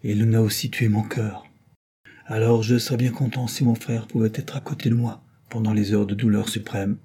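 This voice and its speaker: A man's voice: fairly low pitch, level tone, normal speed, dark tone, breathy edge. A man voicing a grieving, tearful male composer in an audiobook, speaking sorrowfully and earnestly.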